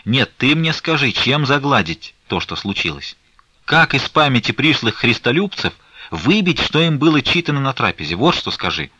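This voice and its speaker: A man's voice: medium pitch, big pitch swings, normal speed, pushed and bright, breathy edge, no echo, voice pushed up, full character voice. A man voicing a stern, furious old abbess. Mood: stern scolding. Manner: scolding, fiery, reproachful. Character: stern angry elderly female abbess.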